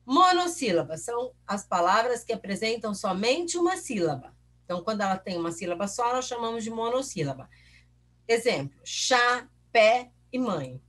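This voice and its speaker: A woman teacher walks young pupils through a review lesson, patient and encouraging. Her voice sits fairly high and swoops lively up and down. She drags out example words slowly, syllable by syllable. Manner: patient, encouraging, asks the class questions.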